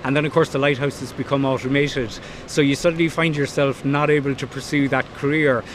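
A man's voice: medium pitch, steady tone, a little fast. A man with a west of Ireland accent explaining his work and plans in an interview. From Blacksod Bay, County Mayo, Ireland. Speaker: founder of a maritime heritage company. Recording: faint outdoor background noise.

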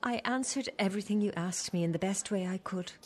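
A woman's voice: medium pitch, brisk, lightly acted. A woman acting as a guilty, defensive older mother in a drama, pleading and hesitant with her estranged daughter. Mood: apologetic, hesitant. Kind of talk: dramatic two-hander dialogue.

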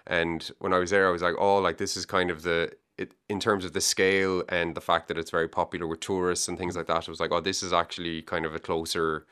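Deep-voiced, smooth Irish man. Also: level tone, fast talker, hardly any pauses, pushed and bright. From Ireland. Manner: rambling, repeats words, many fillers. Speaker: debut novelist guest. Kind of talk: casual interview chat.

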